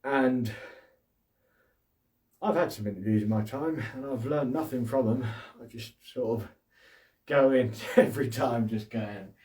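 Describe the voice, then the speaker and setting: A man's voice: medium pitch, measured pace, pauses often, darkish tone, reverberant, distant mic. A man hosting a casual solo podcast, rambling and joking, often laughing and acting out little quotes. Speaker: podcast host.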